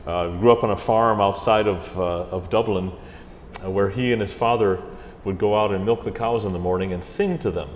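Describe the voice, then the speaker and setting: A middle-aged man, a music director in an interview, telling stories in a chatty, animated way. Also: on the low side, brisk. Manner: chatty, animated, slips into mimicked voices. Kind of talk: casual interview storytelling. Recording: roomy hall echo with faint ambient hiss.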